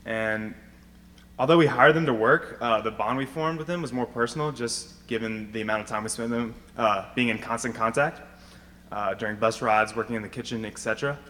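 A young man with a mid-pitched voice presents to an audience in a matter-of-fact way. His delivery is halting, and the hall adds long reverb over faint noise. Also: bright, forceful tone. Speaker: student presenter.

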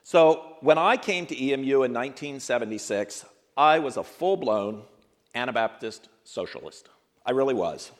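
A man in his sixties giving a speech to an audience, telling his life story in an earnest, reflective way and slowing down to stress key points. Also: medium pitch. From grew up in Ethiopia and the United States. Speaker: guest speaker.

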